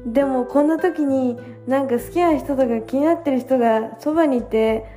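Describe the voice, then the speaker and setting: A tired young woman in her twenties chatting casually on her own, self-mocking and acting out quotes in a higher voice. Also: normal speed, roomy sound. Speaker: vlogger. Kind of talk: casual solo chat. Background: soft guitar music.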